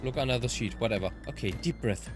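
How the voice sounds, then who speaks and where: A German-speaking woman does let's play commentary, shifting between dramatic readings of visual novel lines and muttered asides. Her voice is very deep and she talks fast, with game music playing behind her.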